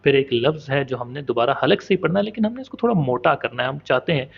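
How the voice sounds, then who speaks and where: Gravelly man teaching letter sounds. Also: mid-range voice, lively intonation, muffled recording. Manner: patient, demonstrates sounds slowly and repeats them. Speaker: Quran recitation teacher. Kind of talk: step-by-step pronunciation lesson.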